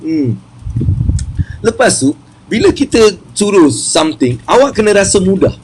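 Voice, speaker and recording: A man giving a motivational seminar talk about wealth, chatty and lively, repeating phrases for emphasis. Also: high-pitched, unhurried, slight background noise, low-quality recording.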